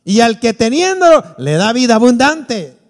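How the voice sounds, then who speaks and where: High-voiced preaching pastor in a reverberant hall. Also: male voice, moderate pace. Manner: animated preaching with acted-out quotes. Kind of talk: sermon. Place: church hall. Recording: long church reverb.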